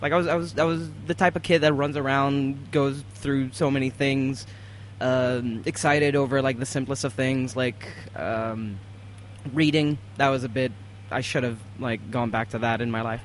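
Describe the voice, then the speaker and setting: Halting man with an untypical Emirati accent. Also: mid-range voice, steady tone, slight background noise. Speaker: podcast guest. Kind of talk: casual interview storytelling.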